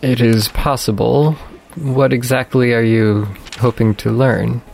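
A man voicing a gruff elderly male dwarf high priest in a tabletop game, speaking in a formal, solemn, measured way. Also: steady tone, darkish tone. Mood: solemn, reserved.

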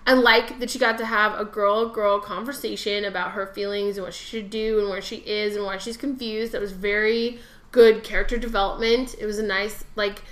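A woman co-hosting a podcast in casual chat, emphatic and excitable and swearing freely. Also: mid-range voice, normal speed. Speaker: podcast co-host. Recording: roomy echo.

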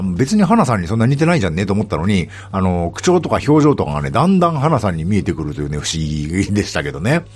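Chatty middle-aged man, lively, fast pitch swings. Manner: chatty, rambling, frequent fillers and asides. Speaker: podcast host. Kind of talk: casual solo talk about a TV drama.

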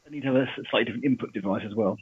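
A man calling in as a motorsport correspondent, chatty and excitable, his voice coming through a thin, phone-like headset line. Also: mid-range voice, very fast, breathy edge, no room sound. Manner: chatty and excitable, talks over others. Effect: thin phone-like line through a Bluetooth headset. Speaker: Formula One correspondent. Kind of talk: casual chat. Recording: thin, muffled call line, dry.

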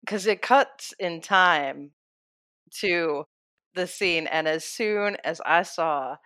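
Low-pitched woman, casual recap co-host, enthusiastic and guiding the talk, dry sound. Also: slow, fairly bright tone, clean tone, dry recording. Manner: enthusiastic, steers the discussion.

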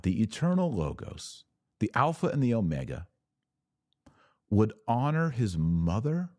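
Hosting a religious podcast, a man with a low, slightly mellow voice talks informally and emphatically, often using rhetorical questions and repeated phrases. The audio is studio quality, with no room sound.

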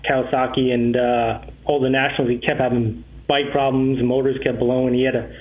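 A man's voice: medium pitch, flat delivery, fairly quick. A man calling in to a radio talk show over the phone, chatting casually in an easygoing, rambling way. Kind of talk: casual call-in chat. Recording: tinny phone line.

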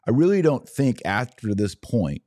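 A podcast host delivers live political and religious commentary, emphatic and deliberate, repeating phrases to stress them. His medium-pitched voice is mellow yet very animated.

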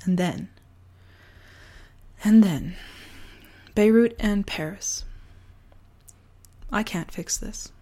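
A sore throat virus has left this woman partly voiceless as she hosts her personal podcast of reflective essay and casual chat. Her medium-pitched voice has a dark tone, and she speaks earnestly and deliberately.

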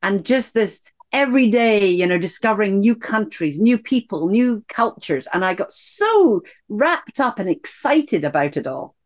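A woman's voice: mid-range voice, very animated, measured pace, few pauses. A woman with a Scottish accent, an executive coach and guest, telling her story in an upbeat, enthusiastic way. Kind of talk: conversational interview.

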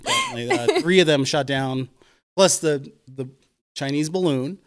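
A man's voice: fairly high pitch, wildly swooping pitch, moderate pace. A man chatting casually in a rambling, explanatory way. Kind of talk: casual chat.

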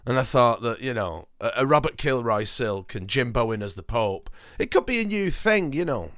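A man's voice: mid-range voice, very animated, normal speed, a bit bright, dry recording, clean studio sound. A man hosting a podcast in casual chat, rambling and hesitant with plenty of ums and sweary asides. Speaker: podcast host.

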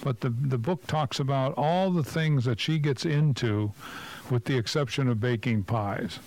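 A man's voice: mid-range voice, unhurried, a little mellow, rough recording. A man co-hosting a casual radio talk show as a business coach, blunt and opinionated, asking rhetorical questions.

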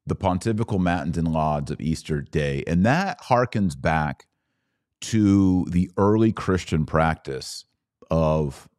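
With a low-pitched, darkish voice captured in clean, echo-free studio sound, a man hosts a podcast. He talks through religious practice informally and with enthusiasm, frequently posing questions and answering them himself.

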